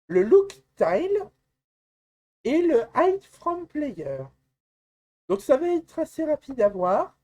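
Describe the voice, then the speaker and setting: A woman with a high, mellow voice walks through a software tutorial. She talks slowly and calmly, step by step, with the odd hesitation. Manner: calm, step-by-step explaining with some hesitations. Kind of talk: screen-recorded software tutorial.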